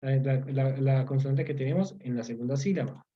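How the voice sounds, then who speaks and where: A man's voice: medium pitch, fairly quick, warm tone, highs cut off. A man tutoring a class online, patiently explaining, repeating key words and often checking that students follow. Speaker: language teacher.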